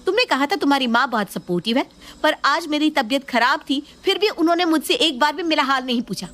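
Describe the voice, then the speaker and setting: A woman voicing a short-tempered young wife in a sharp, indignant way. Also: sits high, fairly quick, voice pushed up. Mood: angry.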